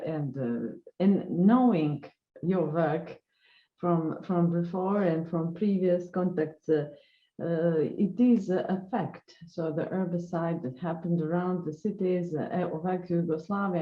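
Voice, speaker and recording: A woman moderates a panel discussion, feeling her way through her sentences with frequent fillers. Her voice is fairly low and rings in a roomy space, and the recording sounds dull and lo-fi. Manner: searching for words, many fillers.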